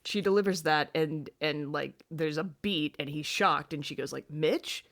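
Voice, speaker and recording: Woman podcast co-host, lower voice, casual recap chat, animated reactions. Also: unhurried. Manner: animated, rises sharply when reading her own reactions.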